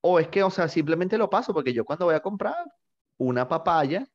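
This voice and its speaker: A man's voice: on the high side, lively intonation, brisk, dull audio. A man with a Venezuelan accent on a casual podcast, joking and playfully acting out little exchanges. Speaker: podcast co-host. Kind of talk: casual chat.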